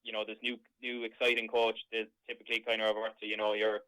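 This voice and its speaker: Male sports podcast co-host, Cork accent, crisp and forward voice, rambling conversational delivery. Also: on the low side, monotone, fast, sharp tone, no room sound, low-quality recording. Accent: Cork, Irish. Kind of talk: casual sports discussion.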